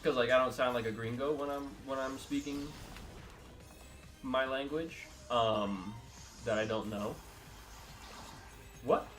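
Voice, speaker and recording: A man's voice: mid-range voice, takes it slowly, pauses often, fairly bright tone, soft background music. A man from Costa Rica co-hosting a casual gaming chat with his partner, joking and sarcastic, laughing often. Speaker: co-host playing a video game.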